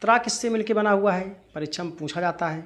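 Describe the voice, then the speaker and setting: Guy teaching hindi spelling, bit high voice, keeps quizzing himself. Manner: asks and answers his own questions, repeats words slowly. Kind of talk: spelling lesson.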